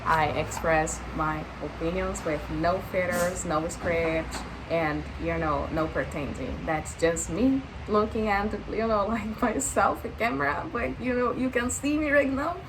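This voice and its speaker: A vlogger in her late twenties with a Brazilian Portuguese accent chats unscripted and casually to the camera, hesitant and full of fillers. Her voice is fairly low and unhurried, with background noise behind it.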